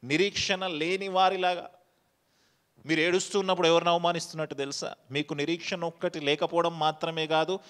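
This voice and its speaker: A man's voice: fairly high pitch, fairly bright tone. A male pastor giving a sermon, firing rhetorical questions at the congregation and dropping English phrases into his preaching.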